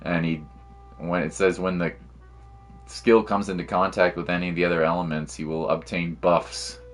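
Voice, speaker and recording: A man streams games, chatting casually and commentating in a laid-back, slangy style with mild swearing. His voice is deep with little pitch movement and a moderate pace, and soft music plays in the background.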